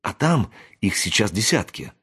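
A man reading an audiobook aloud, voicing a wary young woman who talks in a hushed whisper. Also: fairly low pitch, big pitch swings, normal speed, husky, heavily acted. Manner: whispering, hushed and matter-of-fact.

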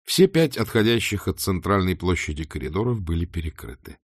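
Expressive male audiobook narrator. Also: low voice, a little fast, husky, no echo, clean studio sound. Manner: expressive, storytelling. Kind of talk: scripted narration.

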